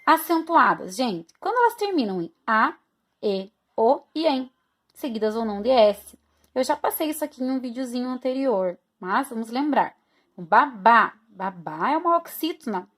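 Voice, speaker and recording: Brazilian lady teacher going over a review, voice a little high, keeps checking in w her class. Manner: explains step by step, often checks in with "né?" and "tá?". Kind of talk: recorded class review lesson.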